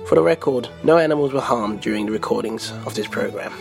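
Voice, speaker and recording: A man's voice: medium pitch, quick pace, gravelly. A man hosting a story program, joking playfully between tales. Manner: playful, wry. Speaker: host. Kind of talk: jokey show links. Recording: music behind voice.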